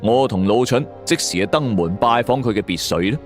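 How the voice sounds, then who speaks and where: A man with a Hong Kong Cantonese accent dramatically narrates a detective story in the first person, with background music playing under his voice. His voice is mid-range, with lively intonation and a fairly quick pace.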